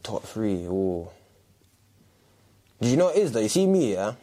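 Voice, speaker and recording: A man's voice: lowish voice, sing-song, normal speed, warm tone. A man speaks in a South London accent as a guest in a casual chat. His talk is full of street slang. He is emphatic and often doubles back to repeat his point. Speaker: podcast guest, dancer.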